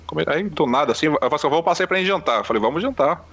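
A man, the guest on an interview, telling a story in an excitable, animated way with sudden jumps in pitch. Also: fast, lo-fi sound. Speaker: poker player guest. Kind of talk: casual storytelling.

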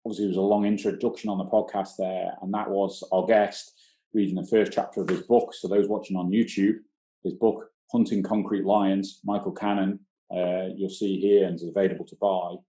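Male podcast host, relaxed dark tone, halting conversational questions, echoey room. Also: sits low. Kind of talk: casual interview chat.

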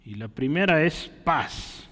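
A man's voice: a little high, lively intonation, unhurried, a bit bright. A man preaching a sermon, teaching and often asking his listeners short questions. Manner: teaching, asks the congregation questions. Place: church. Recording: long church reverb.

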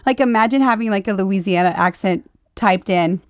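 A young woman hosting a casual chat, bubbly and quick to laugh, swearing freely. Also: medium pitch, dry recording. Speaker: podcast host.

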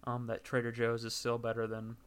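Young man with a smooth, resonant voice. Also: mid-range voice, monotone, brisk. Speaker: podcast co-host. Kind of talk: casual chat.

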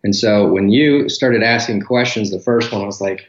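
Relaxed, candid male guest from Detroit; low voice, echoey, slightly muffled home-office audio. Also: normal speed. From Detroit, Michigan, US. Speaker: podcast guest. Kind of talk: casual interview talk. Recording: roomy, dull remote audio.

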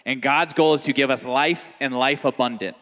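A man in his thirties, a pastor on a question panel, explaining calmly in a soft-spoken way. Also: mid-range voice, normal speed, big-room sound. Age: 30s. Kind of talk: panel Q&A teaching.

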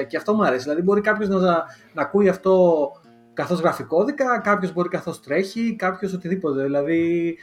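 A man from Greece with a Lamia accent, co-hosting a podcast in a relaxed, chatty way with many fillers and restarts. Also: a little high. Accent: Greek, from Lamia. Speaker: podcast co-host. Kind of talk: casual chat.

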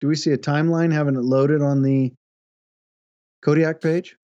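A man's voice: on the high side, steady tone, normal speed, warm tone. A man co-hosting a podcast in casual, easygoing, joking chat. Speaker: podcast co-host. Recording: slightly dull, lo-fi audio.

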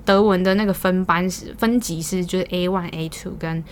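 A woman's voice: on the low side, fairly even intonation, normal speed. A young woman with a Taiwanese Mandarin accent, hosting a podcast and telling a story in casual, exasperated venting, swearing now and then. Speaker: podcast host.

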